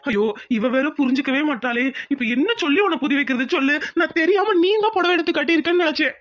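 A woman's voice: high-pitched, fast talker, muffled recording, lightly acted. A woman voicing a young village husband who pleads earnestly with his wife and coaxes her. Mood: pleading. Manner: pleading, coaxing.

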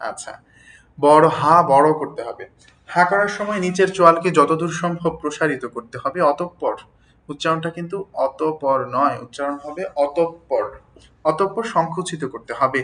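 Bright-voiced man teaching diction drills. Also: a little high, low-quality recording. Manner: chatty teacher who checks in with listeners and demonstrates drills aloud. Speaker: teacher of standard Bengali pronunciation. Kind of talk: spoken lesson on jaw and diction exercises.

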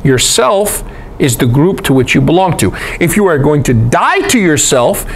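A man's voice: on the high side, big pitch swings, moderate pace, slight background noise. A man with an American accent giving a Bible study lecture, reading passages and adding conversational asides to his listeners. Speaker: Bible teacher.

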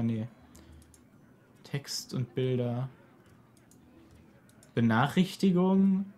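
A man's voice: medium pitch, a little mellow. Young man in slangy gaming chat. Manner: slangy, blunt. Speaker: let's play gamer. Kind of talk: casual gameplay chat with a friend. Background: game music.

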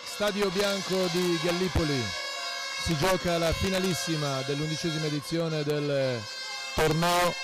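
A man giving live football commentary, dramatic and building to excited goal calls. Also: fairly high pitch, unhurried. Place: outdoor football ground. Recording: outdoor stadium with crowd and music behind. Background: crowd and music.

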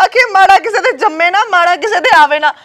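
A woman acts out a crying married sister with a Punjabi accent who wails and bickers with her sister-in-law in a web drama. Her voice sits very high and sounds bright and piercing. She sobs through her words. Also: fast. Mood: tearful. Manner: wailing, quarrelsome. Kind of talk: Punjabi web-series acting.

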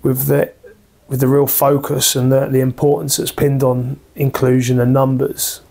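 A man in his thirties speaks in a gravelly, rather flat voice, talking earnestly through a post-match interview. He keeps restarting his sentences and filling pauses as he works through his points. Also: medium pitch. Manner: earnest, full of restarts and fillers. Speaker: football manager. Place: small office with framed football shirts.

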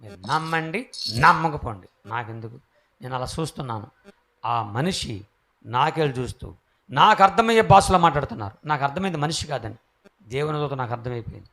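A man giving his life testimony as a preacher, swinging from hushed, quiet passages to loud, emphatic calls to the crowd. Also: mid-range voice, expressive, brisk. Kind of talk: testimony sermon.

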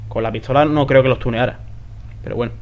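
Swearing excitable gamer man. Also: medium pitch, quick pace, highs cut off. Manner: swears a lot and talks to himself, excitable outbursts. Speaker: gameplay commentator. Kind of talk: casual let's play commentary.

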